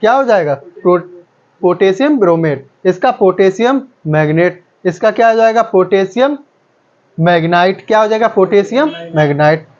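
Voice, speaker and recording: Brief: male chemistry teacher, high voice, call-and-response drilling, dull lo-fi sound. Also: lively intonation, moderate pace, darkish tone. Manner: repeats each term back as a quiz question. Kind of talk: classroom lecture with call-and-response questions.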